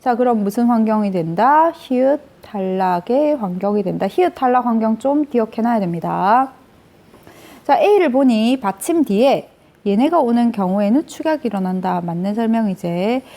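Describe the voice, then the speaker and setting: A woman's voice: on the high side, animated, moderate pace, warm tone. A woman teaching grammar in a step-by-step lecture, asking questions and answering them herself. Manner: explains step by step, asks and answers own questions.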